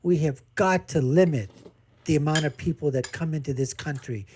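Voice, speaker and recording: A panelist in a live debate arguing forcefully, asking rhetorical questions and acting out examples. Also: medium pitch, moderate pace, slight background noise.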